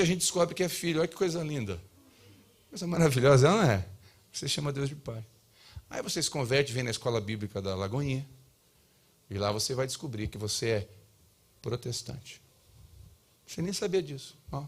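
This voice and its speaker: A man preaching a sermon as pastor, emphatic and humorous. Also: medium pitch. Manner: humorous, acts out dialogues. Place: church.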